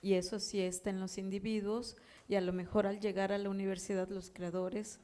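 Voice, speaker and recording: A woman speaking on an academic panel in a measured way, closing her points with tag questions. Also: mid-range voice, little pitch movement, mellow.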